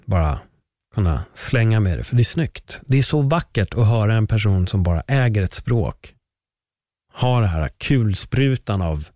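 A man hosting a solo podcast, talking in an opinionated, animated way with exclamations and laughs. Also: mid-range voice, no echo, clean studio sound. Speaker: podcast host.

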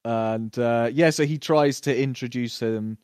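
A man co-hosting a podcast, chatting casually about a TV series and video games, animated and quick to act out scenes. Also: mid-range voice, smooth, no echo, clean studio sound. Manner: animated, puts on quick voices when retelling scenes. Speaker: podcast co-host. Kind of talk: casual TV review chat.

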